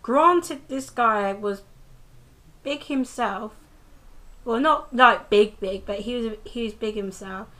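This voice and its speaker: A young British woman from the United Kingdom rambles through a casual review of a TV episode, holding a handheld camera close to her face. Her voice is fairly high, slow, pushed and bright, full of ums and restarts.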